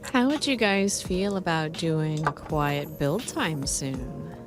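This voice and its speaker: A woman with a slightly low voice checks in with the hosts in a relaxed, joking manner. Lo-fi music plays clearly behind her. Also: takes it slowly. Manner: easygoing and joking. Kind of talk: casual chat. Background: lo-fi beats music.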